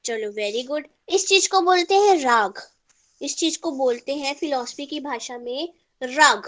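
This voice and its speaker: High-voiced woman teaching an online class. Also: measured pace, a bit bright. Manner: mixes Hindi with English terms, checks in with students. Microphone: earphone mic.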